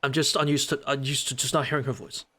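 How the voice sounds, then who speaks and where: A man's voice: mid-range voice, flat delivery, fast talker, pushed and bright. A man casually reading a visual novel aloud on stream, chatty and swearing freely.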